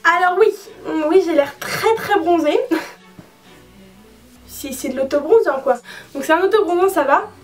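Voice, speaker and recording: A woman's voice: extremely high pitch, animated, unhurried, pauses often, far from the mic, soft background music. A young woman reviewing beauty products in a casual, frank way, with many fillers and restarts. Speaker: beauty vlogger.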